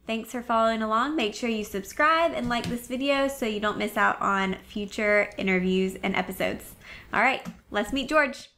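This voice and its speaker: A woman's voice: mid-range voice, fairly bright tone. A woman hosting an interview podcast, opening with a friendly scripted welcome. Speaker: podcast host, physician assistant. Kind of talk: upbeat show intro.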